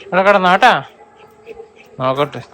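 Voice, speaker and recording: A man with a high voice talks casually at home, coaxing his pet over again and again. He soothes it and teases it gently in turn, in a light, chatty home-video manner. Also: animated, moderate pace, soft background music. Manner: coaxing and calling a dog, soothing and teasing. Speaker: dog owner filming his pet.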